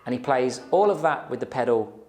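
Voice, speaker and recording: A young man gives a casual guitar lesson in a small indoor studio, talking into a lapel mic at medium pitch with an animated, fairly quick delivery. He explains step by step and counts beats aloud while an electric guitar plays.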